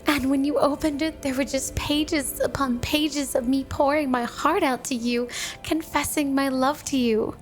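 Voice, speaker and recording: In a flirty ASMR roleplay with soft music behind her, a woman voices a snow woman wife who is obsessively devoted. Her high voice stays steady and measured as she gushes, coos and dotes dreamily, playful yet possessive under the sweetness.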